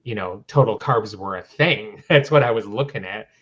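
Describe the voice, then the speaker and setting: A middle-aged man telling his story as a guest on a livestream interview, animated and acting out the people in it. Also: on the low side, normal speed, husky, lo-fi sound.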